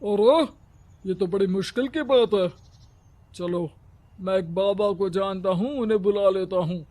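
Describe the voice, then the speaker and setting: A man voicing a stubborn, self-important village headman in a cartoon, blustering and quick to anger. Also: high voice, a little mellow. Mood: worried.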